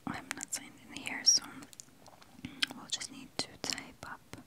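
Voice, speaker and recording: Female, breathy whisper, ASMR unboxing, close mic, tentative and musing, candy in mouth. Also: a little slow. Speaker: ASMR video creator.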